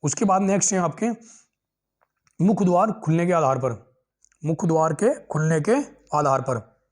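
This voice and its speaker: A man with a fairly high voice teaches an exam-prep grammar lesson. He asks his class a question and answers it himself, repeats each key term and keeps checking that they follow. His delivery stays patient and drilling. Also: a little slow.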